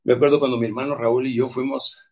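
A man's voice: mid-range voice, little pitch movement, quick pace, darkish tone. A middle-aged man with a Mexican accent giving an emphatic motivational talk, urging listeners to forgive. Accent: Mexican Spanish. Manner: emphatic, preachy, calls listeners "campeones". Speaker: motivational speaker. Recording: dull lo-fi audio.

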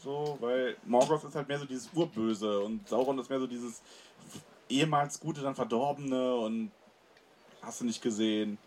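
A man's voice: medium pitch, normal speed, a little mellow. A man co-hosting a live podcast on stage, rambling a little and asking either-or questions. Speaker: podcast co-host. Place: festival tent with live audience. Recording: live stage recording with crowd noise.

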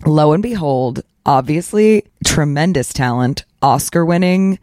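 A man's voice: a little high, lively intonation, unhurried, darkish tone, slight background noise. A man hosting a casual podcast chat, speaking in an emphatic, slangy way and repeating phrases for effect. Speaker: podcast host.

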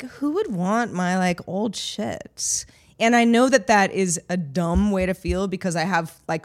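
A woman co-hosting a podcast in casual chat, self-deprecating, circling back over her words as she goes. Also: mid-range voice. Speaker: podcast co-host and producer.

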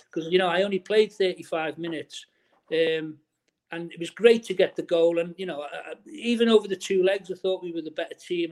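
A man's voice: a little high, a little mellow. A middle-aged man, a former footballer chatting in an interview, restarting his sentences often and filling with "you know". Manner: chatty, many restarts and fillers. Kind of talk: casual interview, reminiscing.

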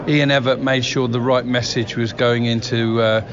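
Male football interviewer, stop-start delivery, muffled sound with clear crowd chatter behind. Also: mid-range voice, level tone, moderate pace. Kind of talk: on-location interview. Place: busy pub.

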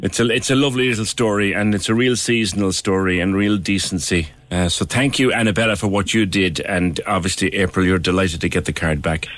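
A man's voice: deep voice, fairly even intonation, fairly quick, few pauses, a bit bright. A man with a Cork accent hosting a radio talk show in a conversational interviewing style.

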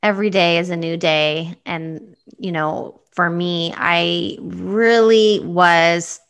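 A woman's voice: fairly low pitch, steady tone, slow pace, clear, resonant tone. A woman in her fifties, answering interview questions thoughtfully and with some hesitation. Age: 50s. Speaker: guest.

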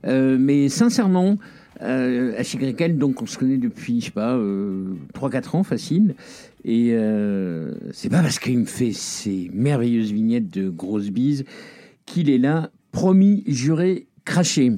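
A man's voice: medium pitch, lively intonation, takes it slowly, warm tone, no echo. Hesitant male podcast host, dry sound. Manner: hesitant, many fillers and restarts. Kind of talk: casual interview.

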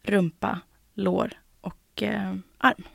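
Podcast host, young woman, gravelly, dry close sound, animated storyteller. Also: mid-range voice, no echo. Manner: animated storytelling, acting out both sides of dialogues. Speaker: podcast host sharing her weight-loss journey. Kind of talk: casual chat.

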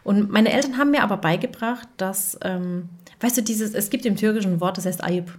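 A woman in her thirties, a dubbing voice actress and mother, chatting casually and telling lively stories with acted-out quotes. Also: medium pitch, brisk. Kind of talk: casual chat.

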